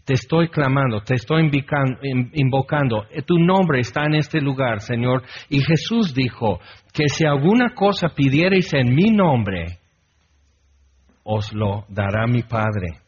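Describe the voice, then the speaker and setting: A man's voice: medium pitch, expressive, a little slow, husky. A man preaching a sermon as pastor in an earnest way, leading his congregation in a responsive psalm reading. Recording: dull lo-fi recording.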